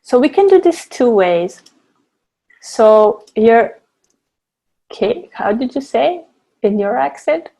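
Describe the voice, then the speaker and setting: A woman's slightly high, creaky, dark-toned voice swings widely in pitch as she teaches essential oil blending as a guest presenter in a live online class. Her pace is slow with frequent pauses, and over the video call she explains step by step with many fillers and restarts.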